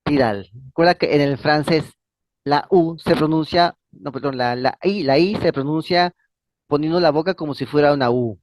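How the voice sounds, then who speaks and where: A man's voice: fairly high pitch, moderate pace, darkish tone, dry recording. Rambling man giving a casual history talk. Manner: rambling, repeats words, ends phrases with "¿no?"; frequent fillers and restarts. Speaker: channel host.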